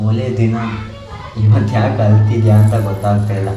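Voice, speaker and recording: Kannada-accented male vlogger, casual and reassuring, low-pitched, recorded in an echoey room. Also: fairly even intonation, a little fast, music in the background. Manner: comforting, repeats himself often. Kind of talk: casual vlog chat. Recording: echoey room with faint noise.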